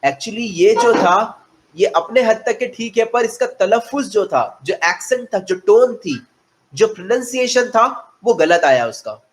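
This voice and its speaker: A man from India teaching a spoken English lesson, explaining in Hindi, mixing in English phrases and spelling letters out slowly. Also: sits high, animated. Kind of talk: classroom lecture.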